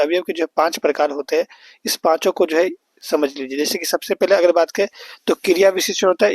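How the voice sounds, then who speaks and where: High-voiced tutor explaining step by step. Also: male voice, no echo. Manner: explains step by step, repeats and checks with "है ना". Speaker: teacher. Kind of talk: exam-prep grammar lesson.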